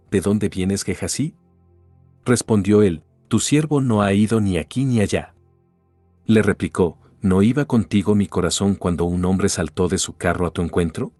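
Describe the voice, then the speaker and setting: A man reading a Bible passage aloud in a steady, measured narration style, with the quoted lines barely acted. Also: fairly low pitch, no room sound. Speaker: Bible reader.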